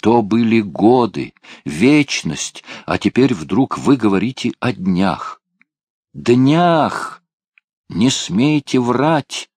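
A man reading a desperate male prisoner who shouts and then pleads. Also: very animated, drawn-out words, few pauses, husky, dry recording, full character voice. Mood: frantic. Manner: pleading, shrill outbursts.

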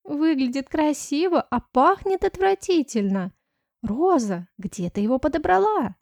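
A woman voicing an excitable young woman roommate who squeals and wheedles. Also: high-pitched, a little slow, dry recording, studio quality, voice pushed up. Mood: chatty.

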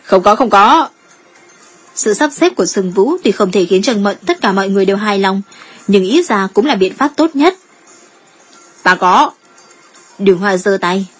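A woman reads a novel aloud with a slightly husky, breathy tone. Her delivery stays steady and even, at an ordinary middle pitch, carrying the story line by line. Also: fairly quick, faint music behind. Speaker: audiobook narrator. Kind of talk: novel reading.

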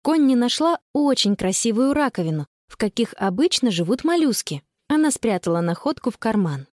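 A woman reads a children's story aloud in a fairly high voice with a lively, sing-song lilt. She voices the characters as she reads, and the recording is close and dry with no room sound. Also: normal speed, dry recording. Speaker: narrator. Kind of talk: children's audiobook narration.

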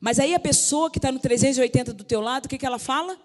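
A woman's voice: high voice, very fast. A woman pastor preaching a sermon, fervent, calling out to the congregation. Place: large church sanctuary. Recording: reverberant church hall.

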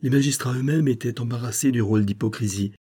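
A man narrating a classic crime novel in a steady, measured reading. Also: mid-range voice, husky. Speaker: audiobook narrator. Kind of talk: literary audiobook narration.

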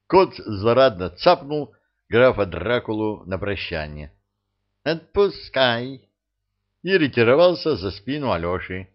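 A man narrating a humorous fantasy audiobook, bringing the characters to life in an expressive reading. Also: on the low side, moderate pace, lo-fi sound. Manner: expressive storytelling, acting out the characters. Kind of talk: scripted narration.

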